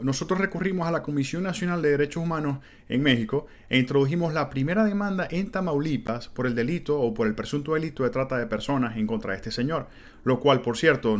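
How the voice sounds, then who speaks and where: A man's voice: medium pitch, quick pace. Earnest Venezuelan man, podcast talk. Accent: Venezuelan Spanish. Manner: earnest, conversational, with fillers like "este" and "pues". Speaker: podcast host. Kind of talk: reflective solo podcast monologue.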